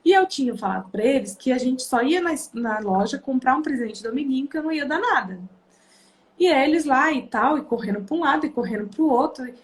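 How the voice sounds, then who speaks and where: A woman in her thirties with a Brazilian Portuguese accent, hosting a parenting video and telling family stories in a lively way. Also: sits high, a little fast. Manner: animated, acts out quoted voices of her children. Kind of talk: casual storytelling to viewers.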